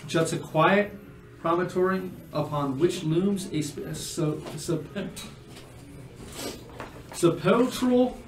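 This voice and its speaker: A man serving as game master, narrating a tabletop game in a slow, descriptive way that often stops to correct itself. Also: fairly high pitch, steady tone, reverberant, faint music behind, poor audio.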